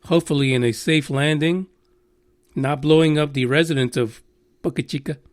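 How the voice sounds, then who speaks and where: Exasperated and rambling, a man rants on his solo podcast, swearing heavily and drifting into asides. His voice is on the high side with a steady tone and normal speed. The studio sound is clean, with no room sound at all.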